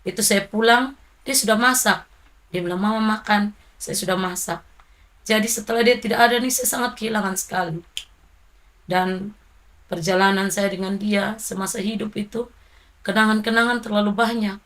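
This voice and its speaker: A woman's voice: mid-range voice, fairly even intonation, moderate pace, long pauses. Grieving mother. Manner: soft, grieving, reflective storytelling. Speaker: interviewee, mother of a fallen soldier. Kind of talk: emotional interview recollection.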